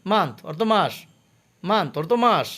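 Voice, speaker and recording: A man's voice: high-pitched, animated, a bit bright, breathy edge. A man teaching English vocabulary, saying each word and its meaning twice and stopping to explain the pronunciation. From Bangladesh. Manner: slow, careful drill with pronunciation notes.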